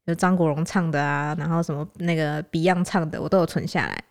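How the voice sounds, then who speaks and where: Fast-talking Taiwanese woman, casual storytelling. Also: low-pitched, steady tone. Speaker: podcast co-host. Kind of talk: casual chat, travel anecdotes.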